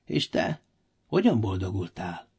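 A man voicing a stern wealthy master in a storybook audio reading, who shouts his orders in a high, sharp voice. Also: sing-song, vocal fry, slightly rough, heavily acted. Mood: commanding, pleased. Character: stern wealthy master, middle-aged man, quick to anger.

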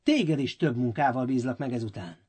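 A man voicing a stern wealthy master in a storybook audio reading, who shouts his orders in a high, sharp voice. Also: animated, husky. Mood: commanding, pleased. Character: stern wealthy master, middle-aged man, quick to anger.

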